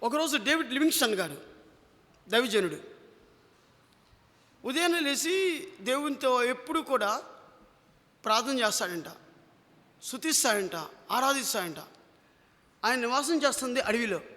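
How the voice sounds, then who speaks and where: Male preacher, sermon, very high pitch, impassioned, long echoing church hall. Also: lively intonation, normal speed, pauses often, sharp tone. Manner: impassioned, rising to pleading cries then dropping low.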